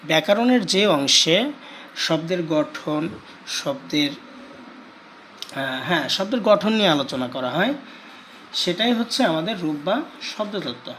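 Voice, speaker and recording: A male teacher giving a grammar lesson, repeating key terms slowly and asking questions he answers himself. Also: on the high side, lively intonation, fairly bright tone, slight background noise, poor audio.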